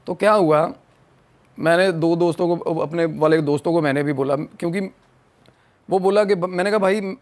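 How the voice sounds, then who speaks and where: A man's voice: a little high, moderate pace. A young man from Punjab telling a spooky story in casual podcast talk, acting out his friends' lines and mixing in English and Punjabi. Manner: animated, acts out quoted friends, mixes in English and Punjabi. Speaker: guest storyteller.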